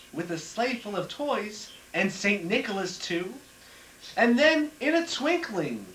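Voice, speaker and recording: A high, lively man's voice reads a holiday poem aloud, picked up far from the camcorder mic on an old home VHS tape. The room is echoey and a faint tape hiss sits under everything. His pitch swings up and down as he tells the story.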